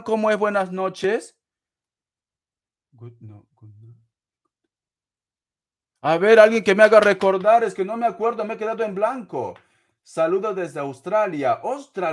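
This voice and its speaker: A man hosting a live-stream tarot reading, answering viewers' donations in a theatrical, chatty way and calling them darling and sweetheart. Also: on the high side. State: sweating.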